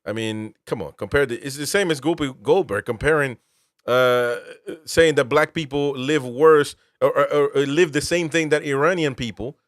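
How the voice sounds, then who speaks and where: A man's voice: medium pitch, normal speed, no room sound, studio quality. A man from Peru, host and military veteran, giving political commentary with emphatic, incredulous rhetorical questions.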